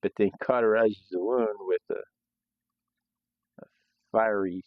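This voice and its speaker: A man's voice: fairly low pitch, steady tone, slow pace, no room sound. A man hosting a live sketching stream, talking casually while he draws, in a loose, rambling way with frequent restarts. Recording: dull, lo-fi sound.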